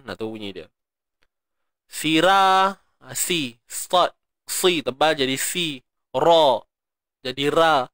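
A man with a Malaysian Malay accent teaching Quran recitation in an online class, chanting examples slowly and explaining in between. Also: a little high, fairly bright tone, dry recording, studio quality. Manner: demonstrates pronunciation repeatedly, light laughs.

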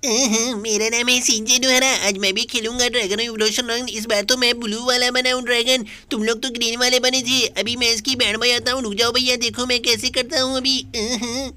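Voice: mid-range voice, little pitch movement, brisk, hardly any pauses, bright, forceful tone, dry recording, voice pushed up, lightly acted. A performer voicing a cheeky, boastful little boy who grunts "ahem" between lines, in a fan-dubbed game video. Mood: teasing.

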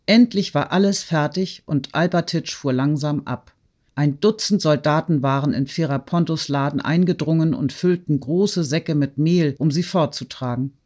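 A man reading a classic novel aloud in steady, measured audiobook narration. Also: on the high side.

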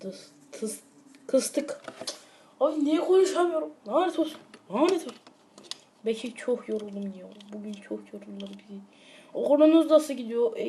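A woman giving rambling, excitable commentary on a mobile game, breaking into frustrated outbursts, recorded on a tablet microphone. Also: a little high, a little hiss or hum. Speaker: mobile game let's player. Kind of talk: casual gameplay commentary. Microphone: tablet mic, screen-recorded.

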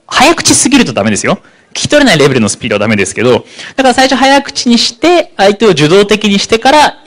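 A man in his thirties delivers a live psychology seminar talk. His delivery is rapid and lively, with a slightly raised pitch that swings widely. He deliberately slows down to land his key points. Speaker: lecturer on psychology.

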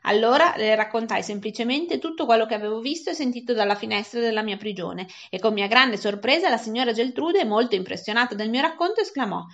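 A woman reading a classic children's novel aloud with lively expression. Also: on the high side, fast, hardly any pauses. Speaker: reader. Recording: dull lo-fi recording.

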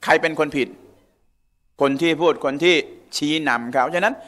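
A man's voice: fairly high pitch, moderate pace, fairly bright tone. A man giving a conversational religious lecture in a mosque, often asking the audience questions. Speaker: religious teacher.

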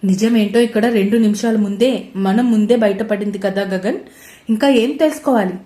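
A woman's voice: medium pitch, steady tone, a little fast, warm tone, lightly acted. A woman voicing a stern young man who scolds firmly, in a roomy-sounding recording. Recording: roomy echo.

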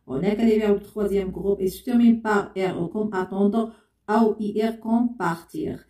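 A woman teaching French grammar in a bilingual lesson, speaking slowly and repeating words and spelled letters aloud. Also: mid-range voice, warm tone, roomy sound, far from the mic.

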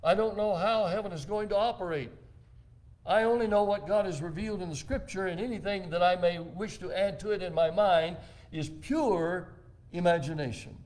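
Older pastor preaching slowly and deliberately. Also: male voice, high voice, darkish tone. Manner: measured, deliberate preaching with slow emphatic phrases. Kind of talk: sermon. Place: church.

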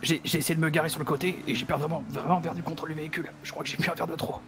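A man's voice: fairly high pitch, fairly even intonation, rapid-fire, background noise, close to an everyday voice. A man voicing a tipsy, guilty driver in an online role-play game, stammering, flustered and swearing. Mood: panicked, guilty. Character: panicky tipsy male driver, guilty and apologetic.

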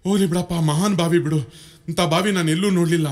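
A comedian voicing a sly husband who answers quickly in a smug, offhand way. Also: male voice, a little high, steady tone, lightly acted. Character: sly relieved husband, middle-aged man.

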